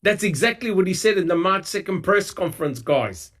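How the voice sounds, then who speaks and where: A podcast co-host with a high-sitting, bright, animated voice talks fairly quickly in a casual true-crime discussion. He's heated and emphatic, swearing and mocking people with quoted lines.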